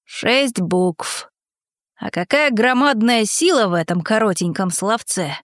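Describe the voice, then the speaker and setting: A woman's voice: mid-range voice, animated, slow, no echo, studio quality. A woman reading aloud, voicing a gloomy, broke young man who mumbles evasively. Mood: glum. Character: glum, broke young man, dreamy and wheedling.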